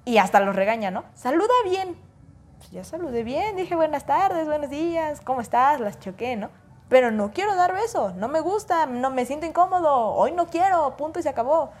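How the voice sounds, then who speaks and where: A woman's voice: high-pitched, brisk. A woman in casual conversation, talking about raising children and acting out the voices of kids and parents. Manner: animated, acts out quoted voices.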